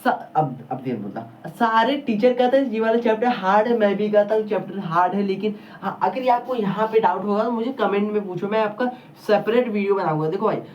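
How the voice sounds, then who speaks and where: A male teacher giving a casual whiteboard lesson, chatty and rambling, speaking straight to his students. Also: sits high. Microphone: camera across the room. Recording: distant muffled camera audio, faint hiss.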